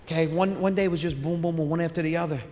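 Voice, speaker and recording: A man's voice: on the high side, steady tone, quick pace, darkish tone. A young man doing a brash, profane stand-up set on stage into a handheld mic. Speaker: stand-up comedian. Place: comedy stage in a theater. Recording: live hall reverb, faint crowd.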